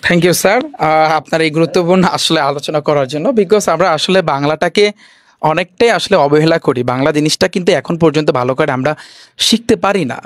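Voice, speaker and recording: Guy hosting, thanks the teacher quick, kinda high voice, dry close sound. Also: dry recording. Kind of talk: wrapping up a class promotion.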